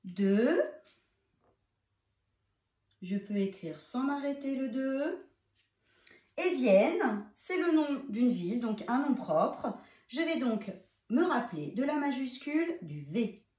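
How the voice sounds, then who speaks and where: Slow, lively-voiced woman teaching handwriting. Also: high-pitched. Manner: slow, step-by-step explaining, addressing the child as "tu". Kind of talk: handwriting lesson for young children. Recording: roomy, echoey room.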